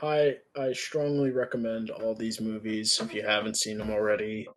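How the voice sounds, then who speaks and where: A man's voice: fairly low pitch, flat delivery, normal speed, a little hiss or hum. A young man talks loosely as a podcast co-host. He rambles, stacks up fillers and restarts his sentences before landing a point. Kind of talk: casual chat.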